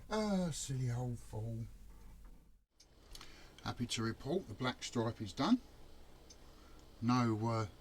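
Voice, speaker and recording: Hobbyist, deepish voice, easygoing self-deprecating workbench chatter, faint room hum behind. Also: male voice, poor audio. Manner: chatty, self-deprecating, muttering while working. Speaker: scale model builder. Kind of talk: casual build commentary.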